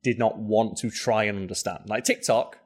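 A man co-hosting a podcast in casual chat, animated and swearing, his voice jumping up when he mimics people. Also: moderate pace. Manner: animated, swearing, pitch jumping up in mock quotes. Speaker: podcast co-host.

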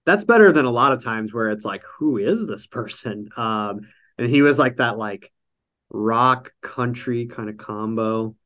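Recapping a reality show on a casual podcast recorded over an online call, this male host rambles, drops plenty of ums, and cracks dry jokes. His nasal voice sits at medium pitch, a little slow and somewhat bright, with the high frequencies cut off.

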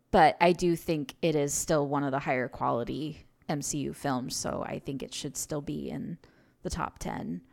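Low-voiced chatty woman. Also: creaky. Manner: laughing, chatty, filler-heavy. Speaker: podcast guest. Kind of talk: casual chat.

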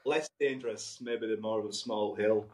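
A man's voice: fairly low pitch, steady tone, normal speed. A man with a thick West Yorkshire accent and a nasal voice, chatting casually with sweary, joking banter. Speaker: podcast co-host, band musician. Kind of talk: casual chat.

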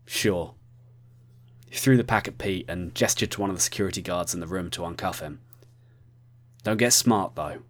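Low-voiced male story narrator. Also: fast, few pauses. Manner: addresses the listener directly.

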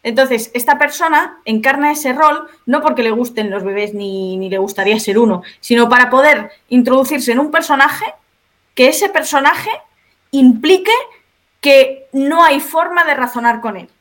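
Appearing as a guest on a podcast, a video creator with a Spain Spanish accent walks through her points in order. Her voice sits high and a bit bright, and she talks at a normal speed in an explanatory, methodical way.

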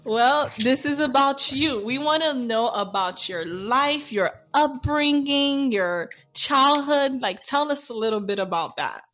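A woman's voice: sits high, lively intonation, unhurried, few pauses, a bit bright. Co-host: young woman, chatty and giggly, faint music underneath. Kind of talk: casual chat.

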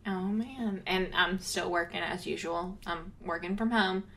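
On a laid-back chat podcast, the young female co-host speaks at a measured pace in a lowish, fairly bright voice. She's giggly and her talk is full of "um" and "like."

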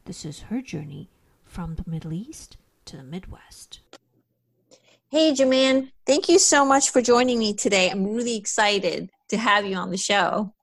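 A woman's voice: medium pitch, expressive, measured pace, gravelly. A woman hosting a podcast, reading a scripted intro and then chatting with her guest in an upbeat, encouraging way. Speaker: podcast host. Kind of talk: scripted intro, then casual interview chat.

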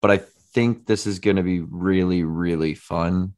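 A man's voice: low-pitched, steady tone, measured pace, darkish tone. A man co-hosting a podcast, talking enthusiastically in casual chat. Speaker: podcast co-host.

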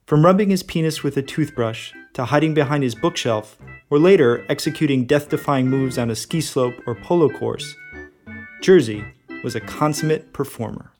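A man's voice: medium pitch, moderate pace, darkish tone, soft background music. A man co-hosting a podcast, reading a scripted narration in a wry, conversational way. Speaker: podcast host, bookseller.

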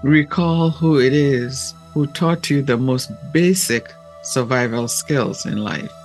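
A man with a medium-pitched voice speaks very slowly and deliberately, pausing often between short phrases. He sounds like a gentle guide leading a reflective talk or meditation, with faint music playing underneath. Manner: gentle, measured, deliberate with long pauses. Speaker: podcast host and meditation guide.

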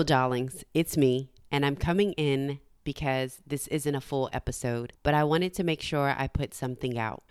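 A woman's voice: rumbling low, clear, resonant tone, dry recording, studio quality. A woman hosting a podcast solo, talking casually to listeners in an emphatic, motivational, showy hostess manner. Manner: emphatic motivational delivery with repeated phrases. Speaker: podcast host.

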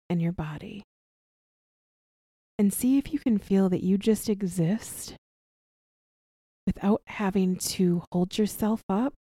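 A woman with a medium-pitched voice leads a somatic relaxation practice, soft and soothing, at a very unhurried pace with a mellow, relaxed tone. Long pauses separate her gentle instructions, and the dry, intimate recording has no room sound.

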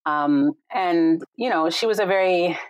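In an unhurried, low voice, a Jamaican woman who teaches yoga and meditation talks casually as a guest over a video call. She's warm and reflective, frequently using "like" and "right?", and the recording is rough though free of echo.

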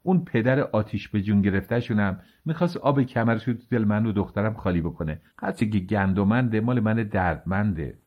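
Foul-mouthed older woman pilgrim, scolding and sharp-tongued, read by a man. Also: lowish voice, hardly any pauses, phone-quality sound, close to an everyday voice. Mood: furious.

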